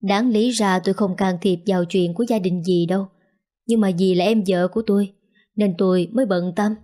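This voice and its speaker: A woman voicing a calm older husband who reassures his family. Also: medium pitch, moderate pace, close to an everyday voice.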